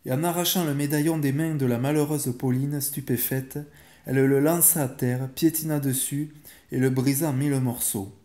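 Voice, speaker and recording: A man calmly reading a bedtime story aloud in a measured way. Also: mid-range voice. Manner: calm and measured.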